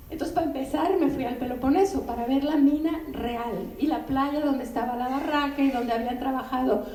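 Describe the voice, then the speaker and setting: An older woman tells stories to an audience in a lively, chatty way, her voice high but mellow in tone. She sounds some way off the microphone in a roomy bookstore space, with a faint hum of ambience behind her. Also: far from the mic. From Mexico. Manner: animated, conversational storytelling with asides to the audience. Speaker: literary translator giving a talk. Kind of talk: anecdotal public talk. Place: bookstore event room.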